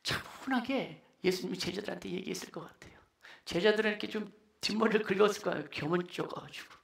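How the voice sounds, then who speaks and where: A male pastor preaching a sermon in a church, emphatic and exhorting, at times dropping into quiet asides. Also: high-pitched, quick pace, vocal fry. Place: church sanctuary. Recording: echoey church hall.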